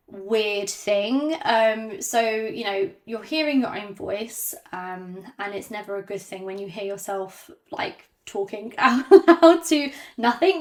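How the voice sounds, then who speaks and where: A woman vlogging to camera without a script, hesitant and self-conscious, with many ums and pauses, and slightly out of breath. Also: on the high side, a bit bright. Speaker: YouTuber. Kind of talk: unscripted talk to camera.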